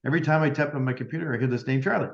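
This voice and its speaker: Man, medium telling a story on a podcast, acts out dialogue, lots of "like", middle pitch, echoey room, a bit dull. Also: very fast, vocal fry. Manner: retells conversations by acting out both sides, with many "like" fillers. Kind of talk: storytelling in a casual interview. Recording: roomy and slightly dull sound.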